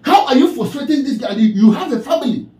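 A man's voice: very high-pitched, expressive, a little fast, a little mellow, reverberant, poor audio. A man with a Nigerian accent delivering a preachy, scolding commentary, repeatedly calling out the person he addresses. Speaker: online commentator.

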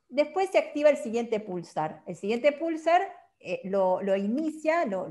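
Her voice is medium in pitch with a darkish tone as this guest teacher walks patiently through a calendar system. She regularly closes a point with a questioning tag.

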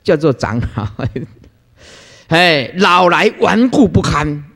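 A male Buddhist dharma master giving a sermon, telling stories and acting out the people he quotes, often with a laugh. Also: very slow. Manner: lively storytelling, acts out quoted people with playful pitch jumps and laughter. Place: lecture hall. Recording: long hall reverb.

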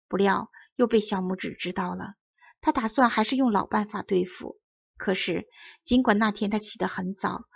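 A woman reading a fairy tale aloud in a measured, clearly enunciated storybook narration. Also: mid-range voice, no room sound. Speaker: audiobook narrator. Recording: dull, lo-fi recording.

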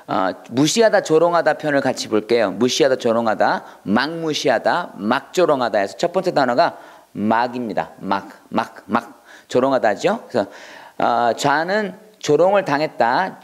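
A man teaching English vocabulary in a video lesson, repeating words slowly and acting out little taunts. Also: on the high side.

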